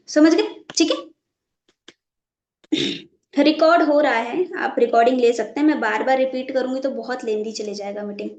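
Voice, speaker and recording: A woman's voice: high voice, darkish tone, echoey room. A woman running a live online training session, stopping again and again to check that her class is following and repeating her points. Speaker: network marketing trainer.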